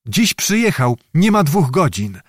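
A nervous male innkeeper who answers quickly and deferentially, put on by a male narrator. His voice rides high, the recording dry. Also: very animated, no room sound.

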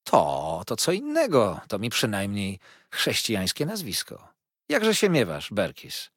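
A man's voice: lowish voice, huge pitch swings, a little slow, a bit bright, slightly rough, dry recording, exaggerated voice. A man reading an audiobook voices a stern, brusque older aunt who speaks in a dry, commanding way.

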